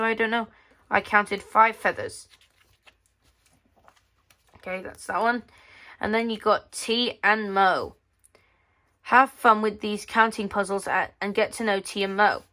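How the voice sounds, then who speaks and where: Sitting at a table indoors, a woman hosts a magazine flip-through video, commenting casually on each page and reading snippets aloud. Her mid-range voice has a sharp edge, and she often hesitates and rephrases as she goes.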